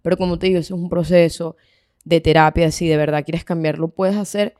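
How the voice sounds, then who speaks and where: A woman's voice: fairly low pitch, fairly even intonation, fairly quick, warm tone, no echo, studio quality. A young woman with a Venezuelan accent co-hosting a casual podcast, talking candidly with lots of slang. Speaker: podcast co-host. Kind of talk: casual chat.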